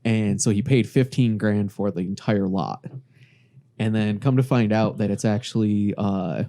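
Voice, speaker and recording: A man with a low, mellow voice hosts a loose podcast conversation. He talks in an easygoing way, sharing stories and facts with friends around the table. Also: unhurried. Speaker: podcast host. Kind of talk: casual podcast chat.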